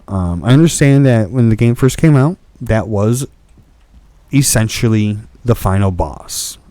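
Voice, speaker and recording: Young male gaming host, unhurried, annoyed, profane commentary over a dry close mic. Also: medium pitch, mellow, clean tone, dry recording. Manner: frustrated, repetitive restarts, swears often. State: hiccups. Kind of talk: ranting game commentary.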